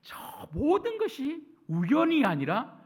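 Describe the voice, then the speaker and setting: Lively high-voiced preaching pastor. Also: male voice, slow pace. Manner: animated preaching, asks the congregation questions and answers them; acts out Bible characters' words. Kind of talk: sermon. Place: church.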